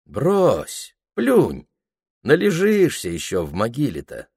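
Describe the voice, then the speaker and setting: A man's voice: medium pitch, wildly swooping pitch, slow pace, vocal fry, darkish tone, husky, no room sound, studio quality, voice pushed up, exaggerated voice. A man putting on a sly sing-song village woman. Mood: teasing.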